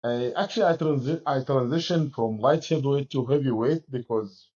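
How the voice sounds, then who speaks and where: Egyptian man in his forties, halting English. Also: medium pitch, a little mellow, slightly rough, lo-fi sound. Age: 40s. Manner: halting non-native English with many restarts. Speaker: fighter and MMA coach. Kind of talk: remote interview answers. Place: gym locker room.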